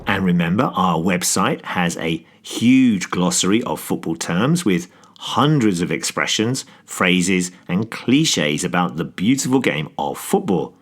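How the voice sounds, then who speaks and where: A man with a lowish voice presents a scripted football English lesson. He speaks in a measured way and explains each phrase as he goes. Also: expressive. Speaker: podcast co-host.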